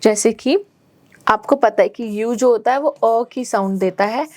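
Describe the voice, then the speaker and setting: A woman teacher gives a grammar lesson to schoolchildren, speaking slowly and carefully in a fairly high voice. She moves between English and Hindi and checks her students' understanding often. The sound is close and dry, with no room echo. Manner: slow careful English, quicker Hindi explanations.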